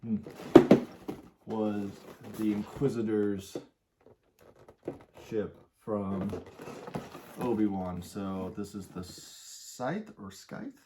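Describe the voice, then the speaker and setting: A man with a lowish voice chats eagerly through an unboxing, rambling with fillers and a little short of breath. Clicks, drawer sounds and steady background noise run under the recording. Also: extremely slow, pauses often. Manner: enthusiastic, rambling, many fillers. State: slightly out of breath. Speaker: toy collector vlogger. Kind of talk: casual unboxing commentary.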